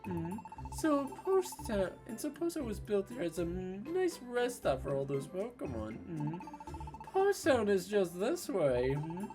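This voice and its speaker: A woman voicing a friendly, slow-witted game creature, drawing out words with humming pauses, over game music. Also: mid-range voice, very animated, voice pushed up. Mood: friendly, leisurely. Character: friendly, slow-witted Quagsire town guide, hesitant creature. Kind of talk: dubbing game dialogue aloud.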